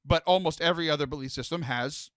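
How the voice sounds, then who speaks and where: A man's voice: a little high, fast, a bit bright, dry recording, clean studio sound. A young man hosting a casual podcast chat, joking and talking with lots of fillers and restarts. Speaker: podcast host.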